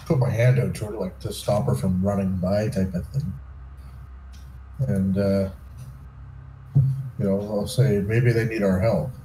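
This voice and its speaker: A man playing a tabletop role-playing game, speaking haltingly and in character, picked up by a distant camera mic. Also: on the low side, level tone, warm tone, echoey room, slight background noise. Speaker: player. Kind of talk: casual tabletop role-play.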